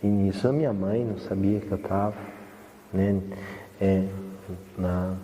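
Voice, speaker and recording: A man's voice: low-pitched, fairly even intonation, measured pace, highs cut off, slight background noise. A man giving a rambling, heartfelt personal testimony for a documentary. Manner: rambling heartfelt storytelling with many fillers. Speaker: documentary interviewee. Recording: roomy echoey hall with faint ambience.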